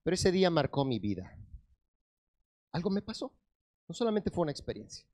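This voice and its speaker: Pastor guy, kinda high voice, tells his story loud then really quiet. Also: a little fast. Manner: animated storytelling, swings from loud to hushed. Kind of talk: sermon testimony.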